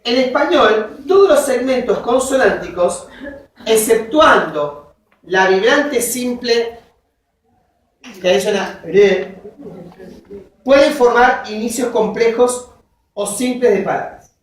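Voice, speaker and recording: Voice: mid-range voice, animated, takes it slowly, long pauses. A university teacher giving a linguistics lecture, dictating from notes, spelling out examples word by word and checking in with short questions to the class. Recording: very echoey classroom, voice from far off.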